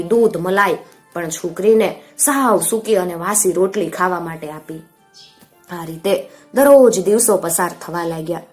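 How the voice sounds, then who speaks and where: A woman narrating a children's story in a steady, expressive way. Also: fairly low pitch. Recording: faint background music.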